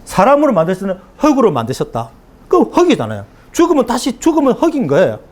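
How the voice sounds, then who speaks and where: A male pastor preaches in a church, talking to the congregation in a chatty way. His pitch sits a little high and swings widely. He keeps slipping into little acted-out exchanges to make his points. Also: wildly swooping pitch, quick pace, a little mellow. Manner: conversational preaching with acted everyday dialogues. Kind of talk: sermon.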